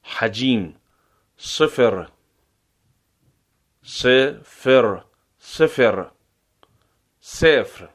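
A man teaching pronunciation as a language lesson, saying single words slowly and repeating them, with quicker explanations in between. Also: mid-range voice, fairly bright tone. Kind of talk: slow pronunciation drill.

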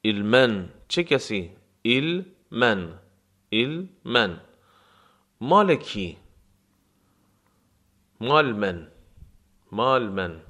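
Man teaching phrases by slow repetition. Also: lowish voice, very animated, fairly bright tone. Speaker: language teacher. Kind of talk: spoken phrase lesson with repetition.

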